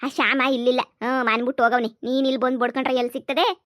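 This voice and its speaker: A high, rapid-fire cartoon mother, voiced by a woman, stubborn and quick to scold. She grumbles and refuses, recorded dry and close with no room sound. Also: flat delivery, a bit bright, dry recording. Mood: defiant. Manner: scolding, grumbling, fast and defiant. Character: stubborn middle-aged village mother, election-obsessed. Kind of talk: cartoon comedy voice acting.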